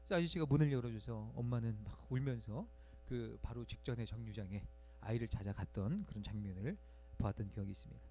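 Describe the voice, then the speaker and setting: A man preaching a sermon in church, going from quiet, low passages to loud, pleading cries and acting out voices in the story. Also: quick pace, a little hiss or hum. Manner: dramatic, swings from soft to loud cries, acts out voices of crowd and bystanders. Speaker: pastor. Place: church sanctuary.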